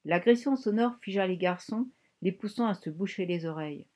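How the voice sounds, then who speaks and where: A woman reading a novel aloud in measured, vivid scripted narration. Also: mid-range voice, dark tone. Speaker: audiobook narrator.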